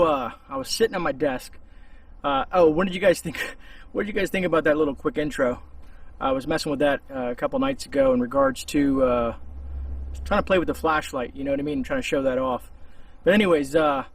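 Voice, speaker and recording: The host of a gear review channel, a man with a high-leaning, creaky voice, chats to camera in a loose, unscripted, rambling way. He's filming outdoors in the shade, and the distant mic lets in faint outdoor noise.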